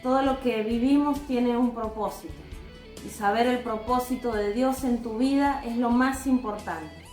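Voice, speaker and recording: A woman with a slightly high voice gives a devotional talk that weaves in a personal testimony. She speaks in a calm, earnest, measured way. The recording is roomy and carries a noticeable echo, with soft music underneath.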